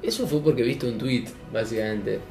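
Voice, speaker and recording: A man's voice: medium pitch, normal speed, reverberant, over loud music. A man co-hosting a casual podcast chat, speaking Rioplatense Spanish, hedging with short interjections. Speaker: podcast co-host.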